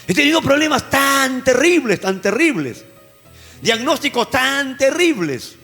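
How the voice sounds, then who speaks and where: A Peruvian male pastor preaches a passionate sermon in an extremely high, sharp voice with big pitch swings, repeating key words and phrases for emphasis at a measured pace. The church hall adds reverb, and faint music plays underneath.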